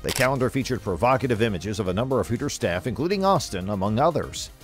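Male narrator, mid-pitched, very animated intonation, playful scripted documentary read. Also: quick pace, faint music behind.

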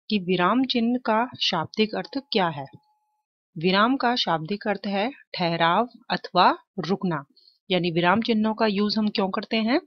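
A woman's voice: medium pitch, no echo, dull audio. A woman teaching an exam-prep lesson, explaining step by step and answering her own questions.

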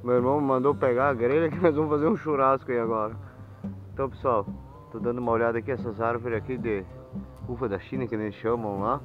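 A man's voice: mid-range voice, steady tone, fast talker, over music. A Brazilian man speaks in a mid-range voice, recorded outdoors on a handheld camera with slightly muffled, lo-fi sound. He chats informally to his viewers as an exploring vlogger, remarking on what is around him. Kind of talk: casual exploration vlog, talking to viewers. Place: outdoors in overgrown woodland. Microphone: handheld camera at arm's length.

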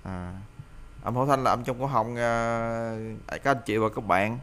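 A man's voice: mid-range voice, measured pace, fairly bright tone, clear, resonant tone. A man teaching a pronunciation lesson, explaining each point and repeating example words for the listener to drill, with frequent hesitant fillers.

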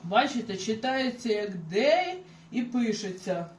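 A woman teaching a beginner language lesson, explaining slowly and patiently with examples. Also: on the high side, animated, roomy sound, slight background noise.

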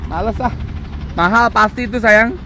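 A man's voice: high voice, moderate pace, background noise. A man in his thirties chatting to viewers in a casual travel vlog, filming himself at arm's length outdoors at a rest stop. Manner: chatty, addresses viewers as guys. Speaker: vlogger. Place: outdoors at a roadside rest area. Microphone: handheld camera at arm's length.

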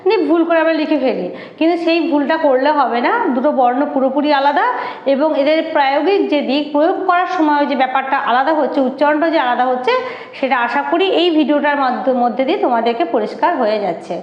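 A woman's voice: high-pitched, fast. A woman teacher giving a spelling lesson at a board, patiently repeating and sounding out letters. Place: classroom-like room with a board. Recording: echoey dull room recording.

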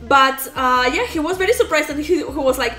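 Speaking to camera from a small indoor room at home with plants behind her, a high-voiced reaction video host in her thirties tells a casual story. She laughs often, gestures a lot, stays animated and makes halting restarts. Soft background music plays, and the recording is reverberant.

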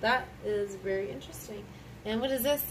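A woman with a mid-range voice speaks briskly while casually reading a picture book with a child, exclaiming and prompting with questions. The microphone is distant and background noise is clearly present.

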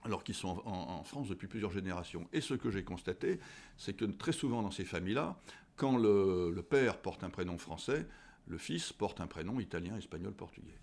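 A man in his sixties, a history teacher as a guest, answering at a measured pace with frequent fillers and restarts, recorded on a desk studio microphone in an office. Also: deep voice, expressive, a little mellow. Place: indoor office with tall window.

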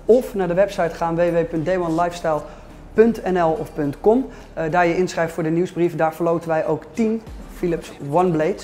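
A man in his thirties hosting a casual gym vlog, joking and plugging a sponsor, recorded in a large gym. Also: darkish tone. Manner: chatty, joking, pitches sponsor. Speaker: vlog host.

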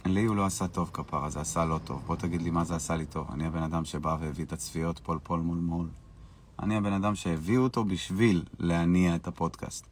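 A man's voice: deep voice, fairly even intonation, a little hiss or hum. A man hosting a live stream, casually answering viewers' questions in a brash, boastful and dismissive way.

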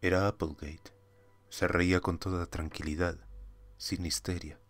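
A male audiobook narrator reading a story in a measured, dramatic manner. His voice is very low and his pace unhurried. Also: flat delivery, fairly bright tone, no echo.

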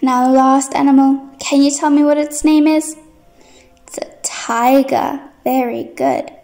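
Young lady doing a kids lesson, high bright sing-song host voice, slow, bit of music behind. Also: gravelly. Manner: bright, sing-song, encouraging address to small children. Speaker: children's teacher presenting a video lesson. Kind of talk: children's educational lesson.

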